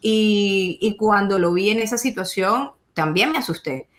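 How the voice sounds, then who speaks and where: Woman, interview guest, halting, frequent restarts, mid pitch. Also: music in the background. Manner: halting, many restarts and repeated words. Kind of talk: emotional testimony in conversation.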